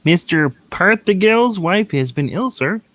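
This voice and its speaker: A man's voice: high-pitched, lively intonation, unhurried, noisy background. A man playing a meek, dutiful office clerk in a radio-play reading, deferential and hesitant. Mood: timid. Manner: deferential, hesitant, mumbling to himself.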